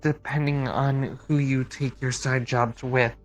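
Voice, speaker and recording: A woman's voice: extremely low pitch, steady tone, unhurried, faint music behind, rough recording. A woman speaking in character in a roleplay, thoughtful and diplomatic, reasoning things through aloud. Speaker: roleplay player.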